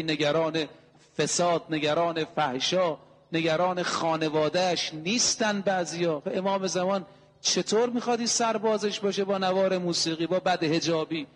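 High-voiced preacher in a reverberant hall. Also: male voice. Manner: rhetorical questions and emphatic lists. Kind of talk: sermon.

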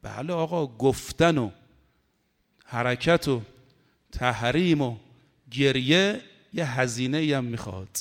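A man's voice: medium pitch, long reverb tail. A man preaching a religious sermon, impassioned and building to emphatic peaks. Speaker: cleric preacher.

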